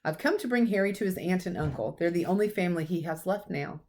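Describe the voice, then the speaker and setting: A woman voicing a gentle, calm, whimsical old male wizard in a storybook reading. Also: on the low side, fast, slight background noise.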